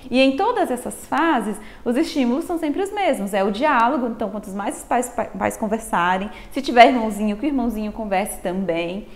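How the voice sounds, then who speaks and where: A Brazilian woman with a Brazilian Portuguese accent and a somewhat high-pitched voice speaks to her channel's viewers. She explains baby development in a clear, teacherly way and keeps drawing the audience in with a friendly "gente". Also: lively intonation, a little fast, few pauses. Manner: warm didactic, addresses viewers as "gente". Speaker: pediatric health educator. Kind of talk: explanatory talk to camera.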